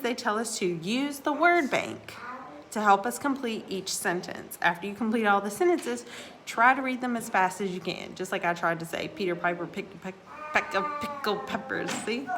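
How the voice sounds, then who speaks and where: Patient, encouraging second grade teacher. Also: female voice, mid-range voice, a bit bright, a little hiss or hum. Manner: patient, encouraging, sounds words out slowly. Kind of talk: recorded home lesson for young children. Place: indoors, hanging out away from classroom.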